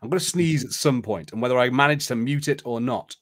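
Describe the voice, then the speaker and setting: A man hosting a live stream, switching between casual chat and expressive storybook read-aloud narration. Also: mid-range voice, fairly quick. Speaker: host of a live gamebook stream.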